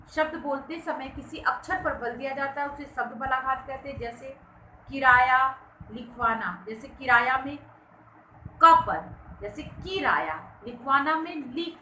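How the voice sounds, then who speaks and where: A woman's voice: high voice, bright, forceful tone. A woman teaching a Hindi grammar lesson to schoolchildren, patient and repeating key phrases as she explains. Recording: echoey room with faint background hiss.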